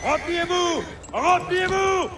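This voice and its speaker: An actor playing a battlefield officer in a game, shouting urgent military commands such as a retreat order. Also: male voice, very high voice, slow, background noise. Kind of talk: French-dubbed video game acting. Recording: loud music and gunfire behind. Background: music, artillery and gunfire.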